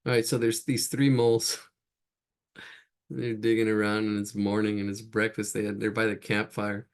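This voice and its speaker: Man teaching a sketch class, low gravelly voice, rambling and chatty. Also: flat delivery, measured pace. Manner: chatty, laughs at own jokes, drifts while drawing. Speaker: drawing instructor. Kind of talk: live online drawing class.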